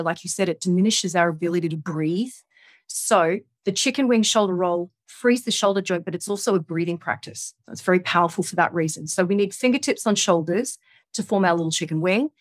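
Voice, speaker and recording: A woman with a gentle, coaxing yoga-teacher manner, giving guided relaxation and movement instruction. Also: mid-range voice, dry recording.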